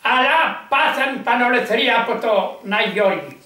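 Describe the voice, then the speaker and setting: A monk telling a miracle story with lively, wandering momentum, acting out the dialogue as he goes. His high, bright voice rings around a very echoey room and comes from far from the microphone. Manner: animated, rambling retelling full of quoted dialogue.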